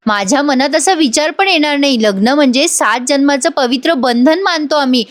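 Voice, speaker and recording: A patient young bride with a mild, pleading way of speaking, as a woman reads her lines in a recap. Her voice is high and light. The lines come as plain retold dialogue. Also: normal speed, close to an everyday voice. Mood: gentle. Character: gentle, patient young bride, soft-spoken.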